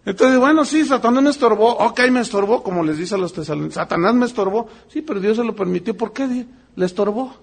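A man's voice: high-pitched, quick pace, gravelly, few pauses, slightly rough. A man, a pastor preaching a sermon with humor and acting out the people he quotes. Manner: animated, joking, acts out quoted voices.

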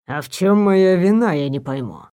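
A cold, contemptuous male doctor, put on by a woman narrator hisses and barks orders in a low, dark voice. He sounds domineering and cruel, and he talks down to whoever he is addressing. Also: lively intonation, moderate pace, lightly acted. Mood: cold contempt. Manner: hissing, barking commands. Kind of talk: audiobook character voice.

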